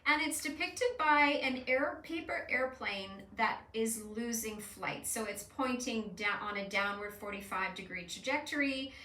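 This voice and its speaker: A woman's voice: fairly high pitch, lively intonation, measured pace, hardly any pauses, sharp tone. A woman hosting an emotional card reading, talking casually and explaining at length with frequent fillers. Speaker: host doing card readings with an AI. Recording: echoey room, somewhat far from mic.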